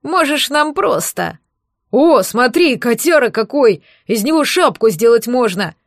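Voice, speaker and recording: A woman's voice: on the high side, big pitch swings, unhurried, no echo, clean studio sound. A woman voicing a crude, threatening male bandit who drawls and jeers. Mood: gruff.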